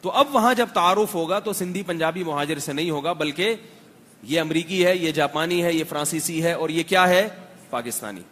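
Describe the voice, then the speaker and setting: A middle-aged religious scholar from Pakistan addresses a seated crowd in a conversational lecture. His voice sits high for a man, and he keeps quizzing the audience with rhetorical questions and dry jokes. The sound carries a long reverb from a large hall. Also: fairly bright tone. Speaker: Islamic scholar giving a talk.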